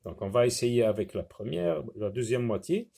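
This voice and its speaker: A man's voice: medium pitch, animated, gravelly, warm tone. A man teaching an early reading lesson, sounding out words syllable by syllable and repeating each one carefully. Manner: slow, syllable-by-syllable reading drills. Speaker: primary school teacher.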